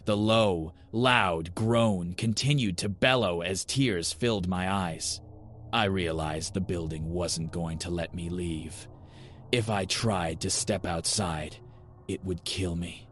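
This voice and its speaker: A man reading a scripted first-person horror story in a measured, somber way, and hosting the show. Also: low voice, a bit bright, a little hiss or hum. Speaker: horror story narrator and host.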